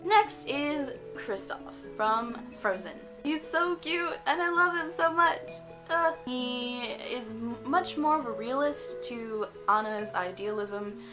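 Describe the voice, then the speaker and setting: A woman's voice: on the high side, lively intonation, takes it slowly, low-quality recording. A young woman hosting a casual vlog, chatty and opinionated, sometimes repeating words as she talks. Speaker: YouTube host. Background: music.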